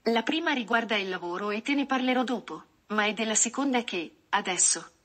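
An earnest, anxious male prosecutor, read aloud by a woman. The voice is serious and a little hesitant, pitched fairly high for the part. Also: expressive, a little fast, fairly bright tone.

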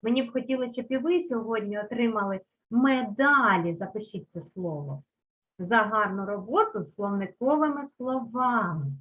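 A woman's voice: a little high, expressive, moderate pace, fairly bright tone, slight background noise, rough recording. A woman from Ukraine teaching a lesson to young children, stretching out key words and coaxing them with questions. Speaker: primary school teacher.

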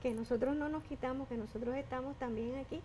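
A Puerto Rican woman in her fifties, whose accent blends Puerto Rican and Panamanian Spanish, talks expressively and effusively as a guest in a casual interview. Her high, mellow voice moves fast with fairly even intonation over a slight hiss or hum.

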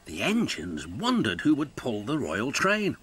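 Expressive male storybook narrator. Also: mid-range voice, unhurried, husky. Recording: narration over loud music.

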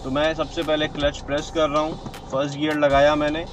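A man's voice: on the high side, monotone, a little fast, over music. A man explaining clutch use step by step while he drives, with fillers and restarts. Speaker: driving instructor. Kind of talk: casual in-car driving tutorial. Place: inside a car on a city road. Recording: car and road noise behind.

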